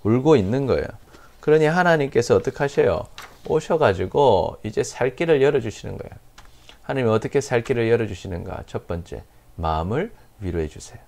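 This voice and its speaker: A man's voice: mid-range voice, expressive, brisk, vocal fry, darkish tone. A male pastor delivering a sermon, posing rhetorical questions and answering them himself, with repeated blessings.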